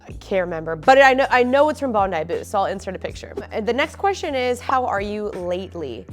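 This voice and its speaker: A young woman, a faith and lifestyle vlogger, chats casually to camera from her living room with a stuffy, sniffly nose. Her mid-pitched voice swings widely in pitch as she rambles a little fast in an open, friendly way full of fillers, with faint music playing softly behind her.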